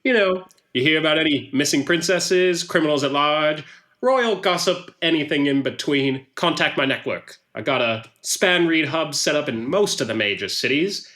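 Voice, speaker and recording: A man's voice: on the high side, lively intonation, moderate pace, bright, forceful tone, voice pushed up. A man voicing a short, shifty male newspaperman who talks in a sly, folksy way and drops his words. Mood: sly, smug.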